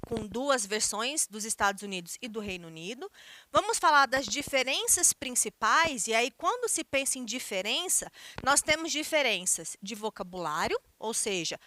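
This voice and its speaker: A woman's voice: on the high side, sharp tone, no room sound. A woman with a Brazilian Portuguese accent, an English teacher explaining a lesson to her students and often checking in with them. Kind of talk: recorded online class lecture.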